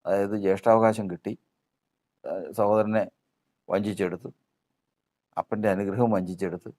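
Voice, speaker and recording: Low-voiced man preaching a sermon. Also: fairly even intonation, normal speed, mellow. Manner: repetitive rhetorical preaching with questions.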